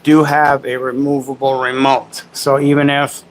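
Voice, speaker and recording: A man's voice: mid-range voice, flat delivery, measured pace, slight background noise, rough recording. A man hosting a casual livestream, demoing camera gimbals and chatting with viewers in a rambling, self-correcting way. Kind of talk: casual live product demo.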